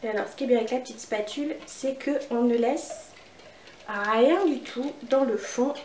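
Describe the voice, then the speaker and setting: A woman's voice: a little high, normal speed, roomy sound, distant mic, background noise. A woman with a northern French accent giving a chatty, upbeat cooking demonstration at home, talking straight to her viewers. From northern France. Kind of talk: casual cooking demo.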